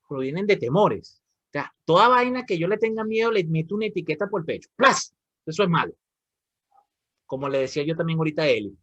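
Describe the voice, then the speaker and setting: A man's voice: high voice, no room sound. Venezuelan man leading a discussion. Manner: lively, explanatory, often checks in with "¿ok?". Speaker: reading club leader. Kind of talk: moderating an online reading discussion. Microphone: video call. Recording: dry, slightly dull call audio.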